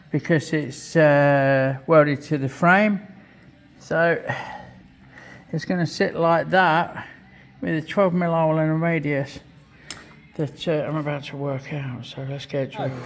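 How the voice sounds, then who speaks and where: A British man giving a casual hands-on workshop demonstration, swearing freely and talking matily through each step in short bursts. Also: fairly high pitch. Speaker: vlog host, hobby machinist. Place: small home workshop beside a milling machine. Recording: loud machine and engine noise, clicking. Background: milling machine running, clicks.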